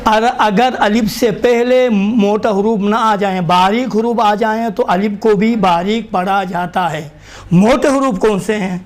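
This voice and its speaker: A man teaching Quran reading in a live class, slowly repeating letters for students to write down. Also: sits high, slight background noise.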